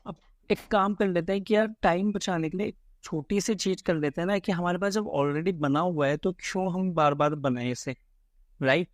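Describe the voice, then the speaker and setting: A man teaching code in a relaxed, chatty way, thinking aloud as he types and often calling his viewers "guys". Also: high-pitched, normal speed, no echo. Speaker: coding tutor. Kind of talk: casual screen-recorded coding lesson.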